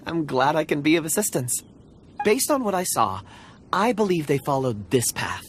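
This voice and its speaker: A woman's voice: low voice, sing-song, a little slow, slight background noise. A woman voicing a polite, modest young male miner in a video game, earnest and a little hesitant. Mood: helpful. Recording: music under the voice. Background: game background music.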